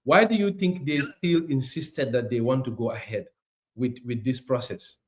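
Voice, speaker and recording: A man's voice: medium pitch, animated, moderate pace. A man hosting an interview, pressing his guest with repeated, pointed questions. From Gambia. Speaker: interview host.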